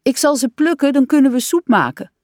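A bored young male frog from a children's storybook, sulky and listless, voiced by a woman reading aloud. He speaks noticeably higher and louder than the narration. The recording is dry and close. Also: expressive, fairly quick, dry recording. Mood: cheerful.

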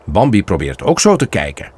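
A man narrating a children's storybook aloud in an expressive read-aloud manner. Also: lowish voice, normal speed, breathy edge.

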